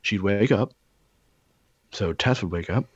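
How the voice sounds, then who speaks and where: Man, very low voice, rambling and profane, dull lo-fi sound, casual chat. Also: a little slow, husky, no room sound. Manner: rambling storyteller, profane, lots of fillers.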